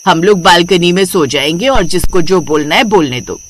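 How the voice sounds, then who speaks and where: A woman's voice: on the low side, expressive, normal speed, slight background noise, natural voice. A woman voicing a kindly, proud mother-in-law in a cartoon, reassuring her daughter-in-law. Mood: fond. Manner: affectionate, reassuring.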